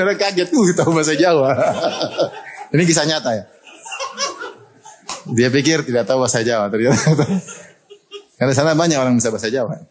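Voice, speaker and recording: A man giving a lively sermon, telling stories in an animated way and laughing often. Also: mid-range voice, a little fast, long pauses, a little hiss or hum. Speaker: preacher.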